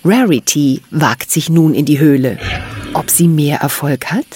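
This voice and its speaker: Low-voiced woman narrating a children's story. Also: a little slow, darkish tone. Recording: music underneath.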